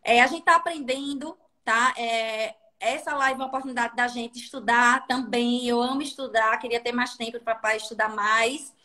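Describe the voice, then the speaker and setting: A woman from Sergipe, Brazil, with a northeastern Brazilian Sergipe accent, appears as a guest labor inspector on a livestream. Her bright, fairly high voice teaches in an animated, instructive way, often pausing to check that listeners are following along.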